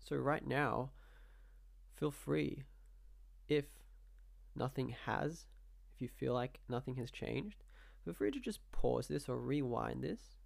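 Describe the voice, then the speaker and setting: A man leading a guided relaxation like a slow hypnotist, gently repeating permissive prompts with pauses. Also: medium pitch. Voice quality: creaky, gravelly. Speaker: guided meditation teacher.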